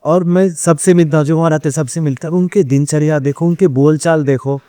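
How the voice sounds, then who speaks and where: A man's voice: fairly high pitch, fairly even intonation, a little fast, dark tone, no echo, clean studio sound. A man being interviewed, telling stories about running a cow shelter. He acts out the questions people put to him and slips English phrases into his speech. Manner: storytelling, acts out quoted questions and replies. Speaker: interview guest, runs an ashram cow shelter. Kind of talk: casual interview conversation.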